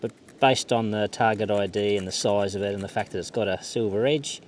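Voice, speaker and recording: A metal detecting vlogger with a lowish voice talks fairly quickly, giving laid-back, understated commentary on a beach as he searches, half to himself, like a casual hobby vlogger. Outdoor background noise is clearly audible.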